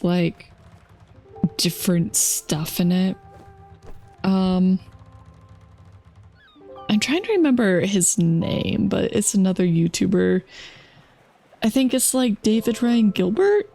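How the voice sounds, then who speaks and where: A woman's voice: medium pitch, warm tone. A woman streamer chatting casually to her viewers while playing a game. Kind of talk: casual gaming chat.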